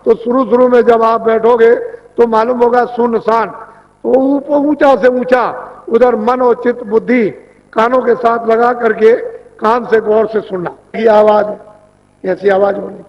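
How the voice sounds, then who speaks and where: A man's voice: very high-pitched, level tone, moderate pace. A man giving a devotional sermon as a spiritual teacher, instructing in a plain, repetitive way. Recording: dull lo-fi 1990s tape recording.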